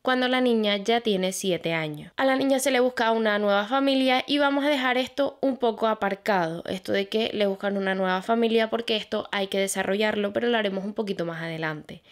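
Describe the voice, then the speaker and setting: A woman's voice: mid-range voice, fairly quick, hardly any pauses. A young woman hosting her own channel, telling a true crime case in a chatty way and speaking straight to her viewers. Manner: chatty, addresses viewers directly, fillers like "pues". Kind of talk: casual true crime narration.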